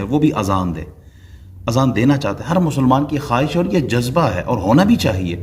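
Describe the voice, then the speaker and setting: A man teaching a religious lesson on correct pronunciation, explaining quickly and then chanting short phrases slowly to demonstrate. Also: mid-range voice.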